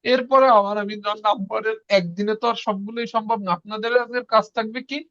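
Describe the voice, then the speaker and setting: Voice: medium pitch, steady tone, fast talker, fairly bright tone, dry recording, dull audio. A teacher giving an online language class, patiently repeating each word and drilling the learners to say it back.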